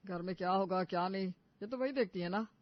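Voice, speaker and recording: A woman voicing a dutiful husband and loyal son in an animated story, who talks in a firm, dismissive way at a lowered pitch. The sound is dull and lo-fi. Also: fairly quick, no room sound, close to an everyday voice.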